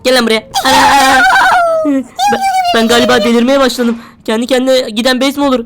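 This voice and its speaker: A woman's voice: on the high side, fairly even intonation, fast talker, heavy background noise. A woman playing a horror game, talking to herself as she goes, jumpy and easily frightened. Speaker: gamer. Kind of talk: horror game let's play commentary.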